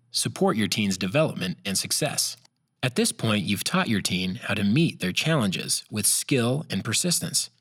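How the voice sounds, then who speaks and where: A man narrating a scripted parenting guide in a calm, measured, even way. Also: lowish voice, husky, dry recording, clean studio sound.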